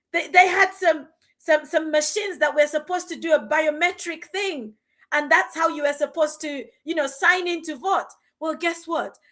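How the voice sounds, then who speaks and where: A woman's voice: sits high, a bit bright. A woman, speaking as a podcast guest in a passionate, indignant, emphatic rant. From Uganda. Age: 40s.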